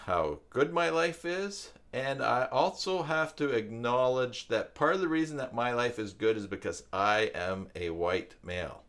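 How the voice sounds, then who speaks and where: Casual and rambling, a man in his fifties chats on his live stream from a room downstairs at home, where he also makes tutorials. His voice is fairly low-pitched with a fairly bright tone.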